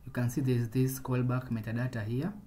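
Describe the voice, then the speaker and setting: A man's voice: mid-range voice, flat delivery, fairly quick, warm tone. A man explaining programming in a casual screen-recorded coding tutorial, talking things through with frequent restarts.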